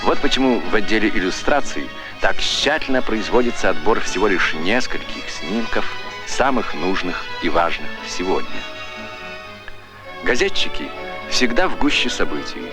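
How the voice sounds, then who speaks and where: Male old-newsreel announcer, low-pitched and declamatory, over a music score. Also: lively intonation, normal speed. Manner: formal, declamatory announcer delivery. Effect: old newsreel narration. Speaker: documentary narrator. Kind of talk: scripted newsreel narration.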